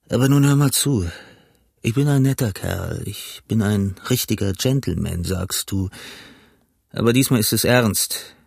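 A man voicing a cunning older pirate cook who talks in a gruff, blustering, lecturing way, in an audiobook reading. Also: fairly low pitch, no room sound, clean studio sound, exaggerated voice. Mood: scheming.

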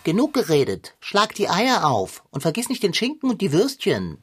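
A woman's voice: on the low side, wildly swooping pitch, moderate pace, breathy edge, exaggerated voice. A woman voicing a pompous, greedy male tomcat, a fussy gourmand who talks in flowery, formal phrases. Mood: haughty. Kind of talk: cartoon voice acting.

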